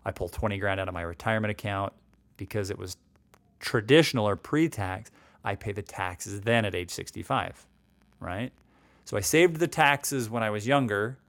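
A man's voice: on the low side, normal speed, fairly bright tone, no room sound. A man in his forties explaining retirement savings and taxes in a conversational way, often checking in with "right?" and restarting sentences. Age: 40s. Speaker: financial educator.

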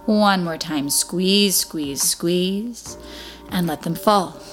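Female Pilates instructor, lowish voice, encouraging step-by-step cueing over clear background music. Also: drawn-out words. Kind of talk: guided exercise class instruction.

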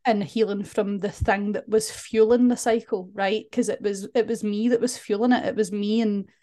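Woman, earnest, candid, mid-pitched voice, restarts often. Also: steady tone, moderate pace, dark tone. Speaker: podcast guest and client. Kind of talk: podcast conversation.

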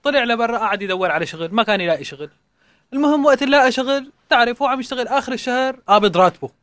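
Man, very high voice, fast joke delivery. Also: no echo. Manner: animated storyteller acting out quotes. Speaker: passer-by telling jokes. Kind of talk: joke telling.

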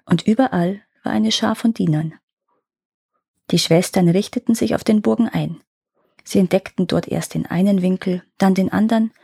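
A woman reading a fairy tale aloud in calm, measured narration. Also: medium pitch, gravelly, breathy edge, no room sound, studio quality. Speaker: storyteller.

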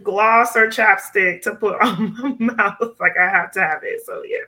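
This nurse practitioner from Miami, USA, in her thirties, speaks unhurriedly at a medium pitch with a sharp tone. It's a relaxed podcast interview, and her talk is full of "like" and "you know".

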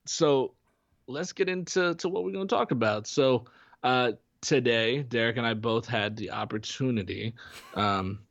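A man's voice: mid-range voice, a little slow, gravelly, a bit bright, no echo, lo-fi sound. A man co-hosting a podcast in casual chat, rambling with many restarts and fillers. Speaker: podcast co-host. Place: home in Florida.

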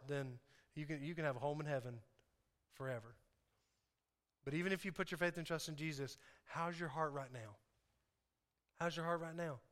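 Male preacher, high and forceful voice, informal but impassioned, hammering repeated phrases home to his congregation. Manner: informal, conversational asides. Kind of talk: sermon to a congregation.

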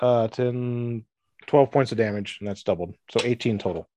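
A man acting as game master of a tabletop game, counting damage and describing scenes in slow, dramatic narration. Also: medium pitch, noisy background.

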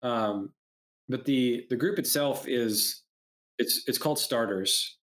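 A man's voice: mid-range voice, takes it slowly. A man, an entrepreneur and mentor, talking casually in a conversation and acting out customers while he tells stories. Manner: animated storyteller, acts out quoted customers, swears, many restarts.

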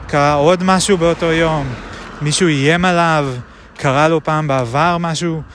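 A man recording a reflective spoken diary outdoors, musing aloud with many pauses and hesitations. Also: a little high, fairly even intonation, fairly bright tone. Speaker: video diarist. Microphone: action camera. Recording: traffic noise outdoors.

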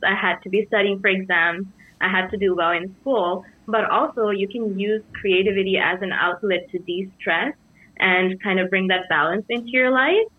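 A woman's voice: medium pitch, dry recording. Young woman from Sri Lanka, tinny phone-like sound. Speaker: dance company co-founder, guest. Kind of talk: interview answers.

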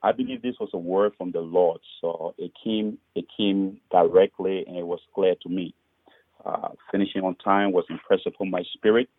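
A very low-voiced man from Liberia with a husky tone, speaking over a muffled, phone-like line. He is a pastor sharing his testimony in an interview, earnest, and he often restarts his sentences by repeating words. The sound is dry, with no room around it. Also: level tone, moderate pace, no room sound. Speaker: pastor and author.

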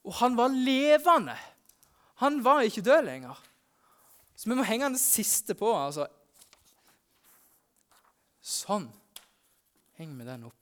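A man, a youth pastor, telling the Easter story in first person at a family church service, lively and exclaiming as he talks to the children. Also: very high-pitched, pauses often.

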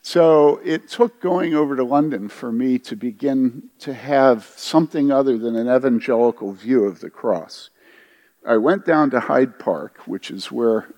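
A middle-aged pastor from the United States telling a story in a conversational sermon, questioning his listeners and acting out the quoted voices. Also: a little mellow. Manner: conversational, asks the congregation questions; acts out quoted voices with big pitch jumps.

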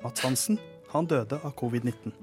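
A man's voice: mid-range voice, soft background music. A man reading a comic modern fairy tale aloud as a host, playing the characters' lines with voices. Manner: storytelling with acted voices and laughs.

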